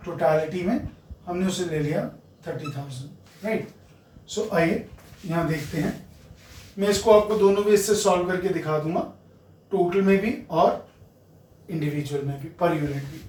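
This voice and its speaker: A man's voice: sits high, a little mellow. A man with an Indian accent teaching accounting, mixing Hindi and English, explaining step by step and checking in with his students. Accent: Indian English mixed with Hindi. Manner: explains step by step, often checks in with "right" and "friends". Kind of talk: classroom lecture at a board. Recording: roomy, distant mic.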